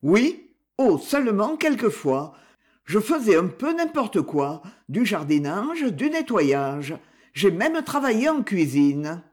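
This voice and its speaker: A man's voice: high-pitched, very animated, slow, a little mellow, heavily acted. A man doing a broken sick old man. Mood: reluctant. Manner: gruff, muttered speech.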